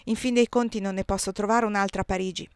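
A woman reading aloud, voicing a confident marshal who speaks briskly and assuredly. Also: medium pitch, fairly even intonation, clear, resonant tone, no room sound, close to an everyday voice.

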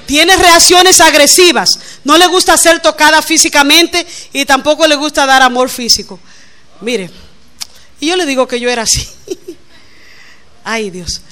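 A woman's voice: high-pitched, measured pace, pauses often. A middle-aged woman, preaching a conversational sermon and telling personal stories with frequent laughter. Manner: animated, laughs often while telling stories. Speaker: preacher, pastor's wife.

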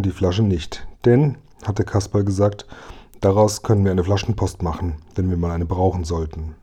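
A man reads a children's story aloud with lively, clear storytelling. His voice is mellow and a little husky. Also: lowish voice. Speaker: audiobook reader. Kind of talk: storybook narration.

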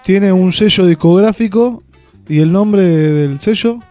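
High-voiced Argentine male radio host. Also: unhurried, dark tone, faint music behind. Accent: Argentine Spanish. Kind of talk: casual, joking radio chat. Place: radio studio, at a microphone.

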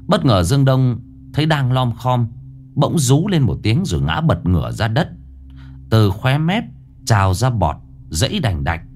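A man narrating a ghost story in a dramatic, expressive way. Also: medium pitch, unhurried, soft background music.

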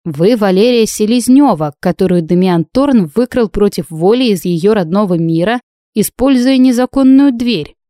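A woman's voice: medium pitch, animated, normal speed, warm tone, dry recording, clean studio sound, close to an everyday voice. A woman voicing a stern grey-haired mage who presides as judge and questions firmly.

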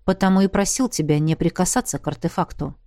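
A woman voicing a sly, confident male dragon colonel in a storybook reading, speaking calmly and knowingly. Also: fairly low pitch, fast, dry recording, studio quality, lightly acted. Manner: calm, knowing, persuasive.

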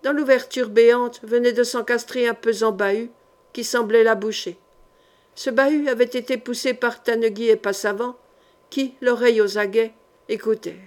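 A woman's voice: a little high, steady tone, moderate pace, a little mellow. Dramatic woman audiobook narrator.

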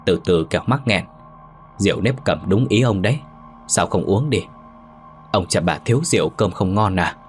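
A man's voice: low-pitched, animated, moderate pace, pauses often, faint music behind. A man voicing an older village wife, tough but terrified, who stammers and frets in a ghost story. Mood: scolding. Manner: stammering, frantic.

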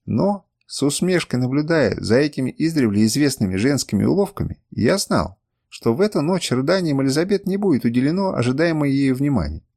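A man narrating a first-person audiobook in a measured, expressive reading. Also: mid-range voice, vocal fry.

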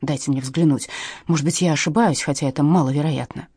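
A woman voicing an elderly male professor who lectures solemnly, in a husky, dark voice. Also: low voice, fast, no echo, clean studio sound. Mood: grave.

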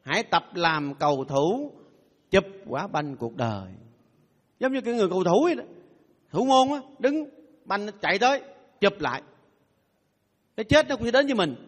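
A Buddhist monk giving a playful, humorous dharma talk, leading his audience in call-and-response chanting. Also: high voice. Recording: long hall reverb.

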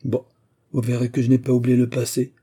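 A man voicing an uneasy older country gentleman in an audiobook, speaking in a measured, guarded way. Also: mid-range voice, monotone, slightly rough.

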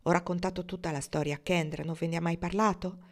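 A woman's voice: on the low side, fairly even intonation, fast, lightly acted. A woman reading the part of an earnest, romantic young gunslinger man, speaking in heartfelt declarations. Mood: wistful.

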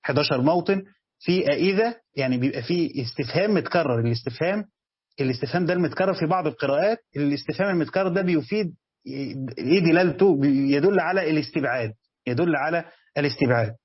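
His fairly high, husky voice is expressive and quick, captured with no room sound but dull audio. This Egyptian-accented teacher gives a tafsir commentary, first reading text aloud and then breaking it down in everyday Egyptian Arabic.

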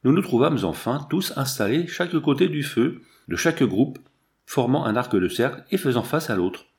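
A man's voice: medium pitch, expressive, darkish tone. Man reading a story aloud. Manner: measured, dramatic storytelling. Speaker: audiobook reader. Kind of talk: audiobook narration.

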